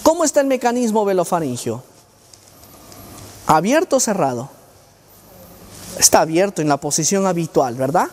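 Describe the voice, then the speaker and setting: A man's voice: high-pitched, very animated, moderate pace, long pauses, darkish tone, slight background noise. Man lecturing in a reverberant hall. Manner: asks the audience rhetorical questions. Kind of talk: university conference lecture.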